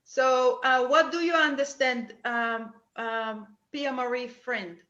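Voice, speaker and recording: A woman medium giving readings at a service, talking haltingly with many restarts and fillers. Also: high voice, fairly even intonation, fairly bright tone, roomy sound, dull audio. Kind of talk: spirit mediumship demonstration.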